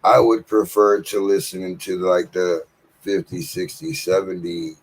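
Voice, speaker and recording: A man's voice: low voice, flat delivery, a little slow, low-quality recording. A man in his late forties hosting a casual interview, laid-back and encouraging, with frequent swearing. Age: 40s. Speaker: podcast host interviewing. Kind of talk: casual chat.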